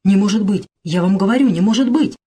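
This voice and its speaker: Woman reading a rash young man, agitated and husky. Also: medium pitch, fast talker, dark tone, close to an everyday voice. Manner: agitated, blunt. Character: young gentleman, rash and distraught.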